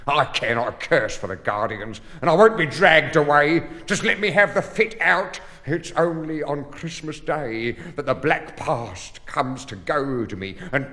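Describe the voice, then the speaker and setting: A man's voice: fairly high pitch, in a large hall, voice pushed up, full character voice. A man voicing a bitter, defiant old male pauper in a workhouse, raging at his benefactors in a poetry recitation. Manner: raging, shouted outbursts.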